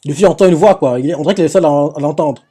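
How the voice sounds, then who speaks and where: A man's voice: on the high side, racing, dark tone, slightly rough. A man recapping anime scenes live, retelling the action with lots of fillers and restarts. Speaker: anime reaction host.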